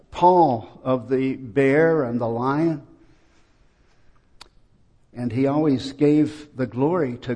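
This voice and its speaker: A man preaching a sermon as a pastor, in a slow and measured way with dramatic pauses. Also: a little high, dark tone.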